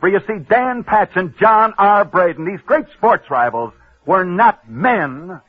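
A man with a high, expressive voice and a breathy edge keeps a measured pace as he hosts a sports story show. His tales and ads come in a punchy, dramatic 1940s radio style full of sudden drops, and the audio sounds like a tinny old radio broadcast.

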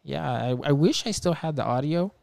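A man's voice: a little high, animated, normal speed, vocal fry, a little mellow, dry recording. A man telling a story as a podcast guest, rambling and full of filler words, swearing a lot, earnest and emphatic. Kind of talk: casual chat.

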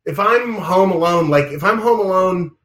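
A man with a New York accent talks in a loose, rambling way, full of fillers and restarts. His voice sits a little high. The room around him is noticeably echoey. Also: animated, moderate pace, fairly bright tone. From Oregon. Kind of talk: casual remote chat.

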